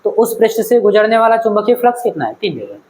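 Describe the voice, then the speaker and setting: This physics teacher speaks fast in a high, sing-song voice with a somewhat dark tone, quizzing the class lecture-style and checking they understand. He calls his students "beta," and the recording sounds rough.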